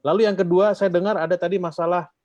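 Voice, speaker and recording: A man's voice: high-pitched, fairly even intonation, fast, a little mellow, no room sound. A man from the Batak region giving an informal talk to a church group, rambling with fillers and asking questions for the group to finish. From Batak, North Sumatra. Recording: dull, dry lo-fi recording.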